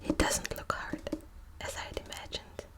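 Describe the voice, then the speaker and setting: An ASMR creator whispers close to the mic in a video about books, hesitating with many ums and restarts while also reading passages aloud. She speaks at a normal speed, and her first language is Dutch.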